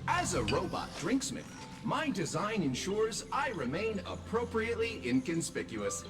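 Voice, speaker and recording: A man's voice: high voice, very animated, measured pace, loud music behind the voice. An actor voicing a courteous male robot drinksmith in a video game, formal and fond of corny jokes. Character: polite male robot drinksmith serving on a train.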